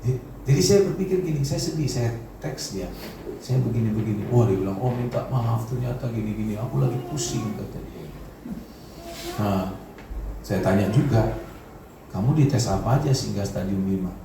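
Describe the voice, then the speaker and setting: A male pastor preaching a sermon in a relaxed, conversational way, with sudden swings up in pitch. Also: moderate pace, gravelly, background noise. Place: large church hall. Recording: very echoey hall from far off.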